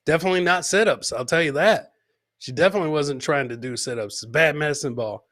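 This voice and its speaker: Fast and fairly bright, with a voice a little on the high side, the host of a live comedy podcast jokes his way through clips. He repeats lines for effect and does impressions of the people he describes.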